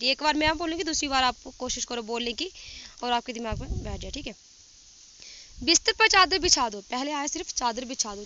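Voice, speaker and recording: Woman teaching english in a field, high bright voice, slow careful english bits, dull windy phone sound. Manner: reads each Hindi sentence then slowly says it in English. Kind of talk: casual spoken English lesson. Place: outdoors in windy fields while grazing cattle. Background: wind and rural outdoor sounds.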